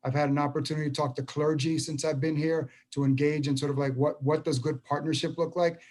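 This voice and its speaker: A school superintendent in his fifties talks haltingly to a public meeting via video, with many repeats and restarts. He has a fairly high, darkish voice and a flat delivery.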